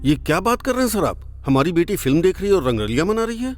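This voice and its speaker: A man's voice: high voice, quick pace, music in the background. An actor dubbing a devoted middle-aged father who defends his daughter, earnest and pleading. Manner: pleading, then proud and steady. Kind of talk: Hindi film dub.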